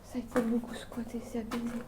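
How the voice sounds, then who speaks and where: A young woman vlogging an urban exploration of an abandoned château, talking in a hushed, tense, hesitant way and often dropping into a whisper. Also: a little high, monotone, fast talker, noisy background. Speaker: urbex vlogger. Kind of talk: narrating while exploring.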